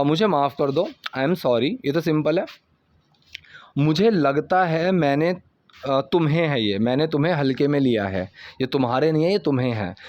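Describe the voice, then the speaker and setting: A young man teaching English grammar, chatty, often checking with "ठीक है?" and reading English example sentences out slowly and carefully. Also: fairly high pitch, a little mellow, no echo, muffled recording. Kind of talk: explaining English grammar in Hindi.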